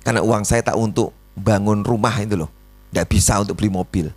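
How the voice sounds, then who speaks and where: A middle-aged man with a Javanese accent preaching a sermon, telling a story animatedly and often jumping into a high voice when he acts out dialogue. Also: fairly even intonation, fast, darkish tone. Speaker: pastor.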